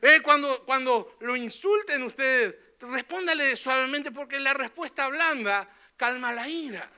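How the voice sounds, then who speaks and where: Preaching fervently in church, a male pastor speaks with a very high pitch for a man and an extremely bright, sharp, clean tone. Expressive and a little slow, he keeps checking in with listeners through short questioning tags.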